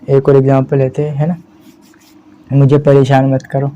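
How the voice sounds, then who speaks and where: A man teaching spoken English in Hindi, explaining slowly and checking in with "है ना" again and again. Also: mid-range voice. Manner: slow, repeats "है ना" as a steady check-in. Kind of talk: explaining a language lesson in Hindi. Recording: slightly dull lo-fi audio with faint background hiss.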